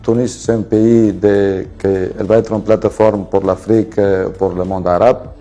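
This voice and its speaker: A man's voice: on the low side, level tone, normal speed, warm tone, soft background music. A businessman from the Venice region with an Italian accent, presenting his companies in French with many fillers and restarts. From Venice region, Italy.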